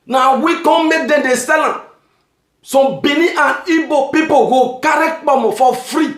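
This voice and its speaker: A man from Nigeria with a Nigerian Pidgin accent, doing a comic monologue, shouting his punchlines and laughing at his own jokes. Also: very high voice, moderate pace. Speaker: stand-up comedian. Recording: echoey room with music behind.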